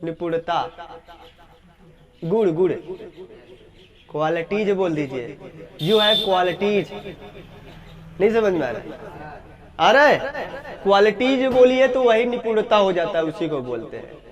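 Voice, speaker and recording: High-voiced teacher drilling a class. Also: male voice, big pitch swings, measured pace, pauses often, highs cut off. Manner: drills phrases aloud, asks class often. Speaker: English teacher. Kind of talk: classroom lesson.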